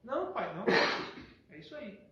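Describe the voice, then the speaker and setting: A man giving a spiritist lecture, telling a story and acting out the dialogue between a calm father and a pleading son. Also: sits high, moderate pace. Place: spiritist center hall. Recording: echoey hall, distant lo-fi mic, faint hiss.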